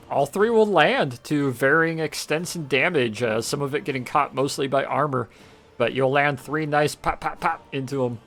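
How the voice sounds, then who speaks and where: Male game master, slightly high-pitched, lively narration of a tabletop session, soft music bed. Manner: animated, laughs often, counts out loud.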